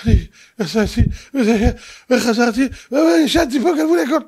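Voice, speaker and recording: A man's voice: very high-pitched, expressive, a little mellow, husky, exaggerated voice. A man voicing a distraught traveler who has been robbed, pleading with a king. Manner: wailing, pleading. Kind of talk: storytelling in a sermon.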